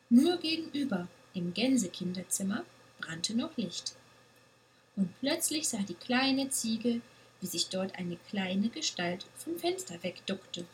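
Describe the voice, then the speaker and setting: A woman reading a children's story aloud with a gentle, expressive manner. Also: medium pitch, slight background noise, poor audio.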